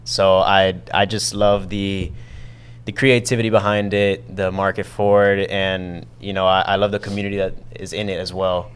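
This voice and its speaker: A young man, a college student, talking casually as a podcast guest in relaxed run-on sentences. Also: low voice, moderate pace, smooth. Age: young adult. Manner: relaxed, run-on talk with you know. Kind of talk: casual interview answers. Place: media studio.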